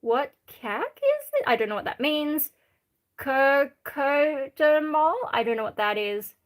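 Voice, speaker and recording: This is an Australian woman with a fairly high voice, talking casually to a live chat. She reads questions aloud and answers them bluntly, with irreverent, sweary frankness. Her talk rambles from one thought to another. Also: sing-song, slow. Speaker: live streamer. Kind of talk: casual livestream chat, reading out viewer questions.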